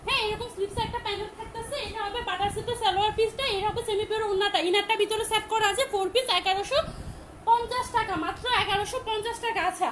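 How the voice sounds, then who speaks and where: A young woman from Chittagong, selling clothes on a live stream in a loud, big voice, repeating each price emphatically. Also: very high voice, steady tone, racing, a little hiss or hum. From Chittagong, Bangladesh. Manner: repetitive, emphatic, rattles off prices. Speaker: online clothing seller. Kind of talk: live-stream sales pitch.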